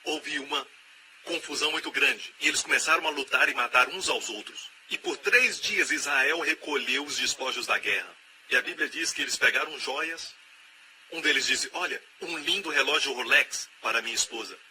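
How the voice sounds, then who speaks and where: A man with a Brazilian Portuguese accent, giving the voice-over of a sermon with emphatic preaching and loud repeated exhortations. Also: medium pitch, moderate pace. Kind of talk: dubbed sermon. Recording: steady background noise.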